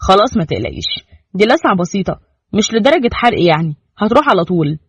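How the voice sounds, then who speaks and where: A man's voice: high voice, very animated, fast talker, a bit bright, slightly rough, dry recording, heavily acted. A man voicing a blunt, protective young army officer with an Egyptian Arabic accent in a storybook reading. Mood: firm. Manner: firm and blunt. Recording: dull lo-fi dry recording.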